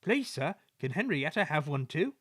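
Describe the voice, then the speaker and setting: A man's voice: fairly high pitch, big pitch swings, normal speed, fairly bright tone, husky, no room sound, clean studio sound, full character voice. A man voicing a small, innocent, polite male tram engine who speaks thoughtfully, in a storybook reading.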